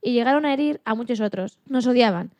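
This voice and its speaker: In an acted radio interview, a woman plays an animal liberation activist and mother, telling her story earnestly and indignantly and stumbling slightly now and then. Her natural voice is a little high with a darkish tone and a quick pace. The audio is dull but has no echo.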